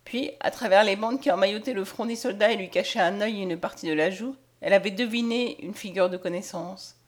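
A woman narrating a classic novel in a measured storytelling manner. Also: mid-range voice. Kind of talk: audiobook narration.

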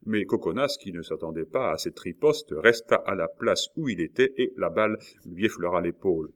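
A man narrating a novel as an audiobook reader, in a steady, measured way. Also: low voice.

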